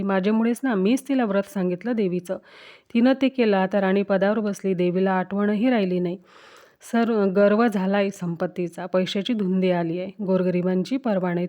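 A woman voicing a goddess disguised as a poor old beggar woman, speaking slowly and softly between coughs. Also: mid-range voice, natural voice. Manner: slow, coughing, soft voice. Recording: dull lo-fi recording.

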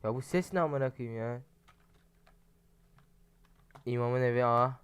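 A young adult man giving casual, profane, excitable commentary while playing a game and talking to his viewers. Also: medium pitch, unhurried, clean tone. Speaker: gaming streamer. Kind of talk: casual let's-play commentary.

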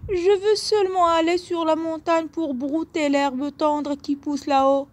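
A woman voicing a tiny, timid little billy goat in a storybook, pleading in a high voice. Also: flat delivery, a little slow, darkish tone, dry recording. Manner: pleading, squeaky.

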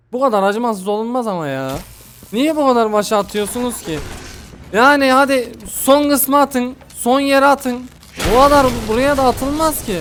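A young man commentating a horror game let's play, panicky and exasperated, pleading and yelling at the monster chasing him. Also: extremely high pitch, a little hiss or hum. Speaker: gaming YouTuber.

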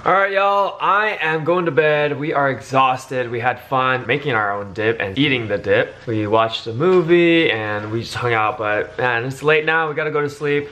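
A man's voice: mid-range voice, moderate pace, hardly any pauses, pushed and bright. A young man chatting playfully to the camera as he vlogs at home in the kitchen. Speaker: vlogger. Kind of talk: casual home vlog.

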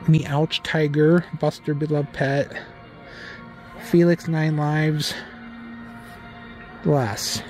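A man's voice: fairly high pitch, flat delivery, extremely slow, pauses often, darkish tone, soft background music. A middle-aged man casually narrating a walk through an outdoor haunted farm at night, reading the signs aloud with dry jokes, into a handheld phone. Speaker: vlog host.

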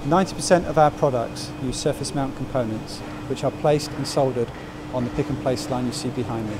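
A middle-aged manager giving a formal, assured statement on a factory floor. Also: male voice, mid-range voice, a little fast. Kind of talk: scripted on-camera statement. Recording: factory noise behind.

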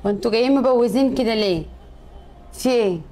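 A woman's voice: fairly high pitch, fast, dark tone, lightly acted. A woman playing a young Egyptian sister who insists on her bet money, demanding and relentless, in a comedy sketch. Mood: insistent.

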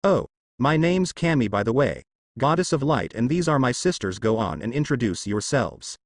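A calm, kindly goddess of light from a storybook, read by a male narrator. She explains things gently, with a lively lift in the pitch. The recording is close and dry. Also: normal speed, no echo.

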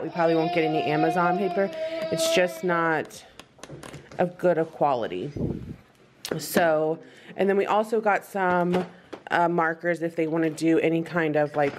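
A woman's voice: sits low, background noise. A woman in her thirties chatting casually in a home vlog, rambling and practical as she shows food and craft supplies. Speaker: family vlogger. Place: home kitchen and dining table.

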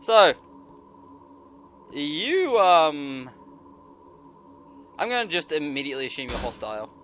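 A man plays a horror game as a scared streamer, his high voice swooping wildly. He swears and exclaims at the game, jumpy and sarcastic. Game music plays behind his bright, forceful voice. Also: very animated, slow pace, a little hiss or hum. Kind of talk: casual, profane let's-play commentary.

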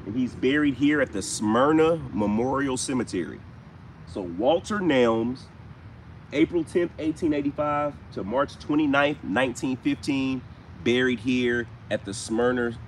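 Male paranormal stream host, mid-range voice, patient spirit questioning, clear outdoor traffic noise behind. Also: mid-range voice. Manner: slow questions with repeated calls to spirits. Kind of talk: live ghost-hunting chat. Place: outdoors in a cemetery.

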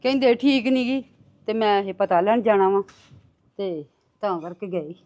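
An actress playing a patient middle-aged wife and mother who tries to calm her husband. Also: medium pitch, moderate pace, no echo, lightly acted.

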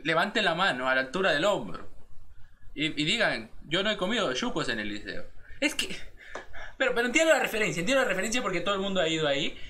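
A man's voice: sits high, very animated, quick pace, pushed and bright, slight background noise. A young man with a Guatemalan accent, casually commenting on a video, rambling and interrupting himself and mimicking phrases in exaggerated voices. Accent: Guatemalan Spanish. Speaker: reaction video host.

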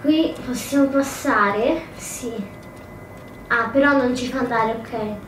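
A slow-speaking woman with a fairly high voice narrates her game casually, thinking things through aloud and often hesitating or correcting herself. Her let's play audio comes from a distant mic in a roomy setting with faint noise.

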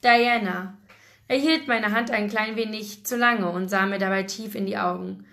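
A woman's voice: mid-range voice, little pitch movement, moderate pace, fairly bright tone. A woman reading a novel aloud in first person, with occasional slips and restarts. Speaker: book blogger reading aloud.

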